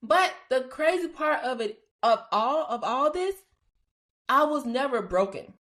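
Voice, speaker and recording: A woman's voice: high voice, expressive, unhurried, fairly bright tone. A woman hosting a faith-based podcast, talking casually and expressively, laughing often and dropping slangy asides. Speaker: podcast host.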